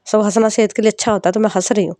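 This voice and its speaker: A woman's voice: medium pitch, fairly even intonation, racing, warm tone, no echo, close to an everyday voice. A woman as a playful, mocking young woman; cheeky, dry sound. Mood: teasing.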